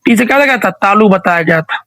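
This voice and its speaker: A man's voice: high voice, expressive, fast talker, a bit bright, no room sound, low-quality recording. A male teacher running an online revision quiz, asking each question again and again and prompting students to answer.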